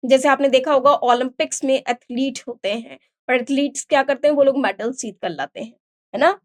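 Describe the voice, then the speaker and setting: A woman with an Indian accent and a high voice teaches a vocabulary lesson. She explains each word step by step, asks the class questions and answers them herself. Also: a little fast.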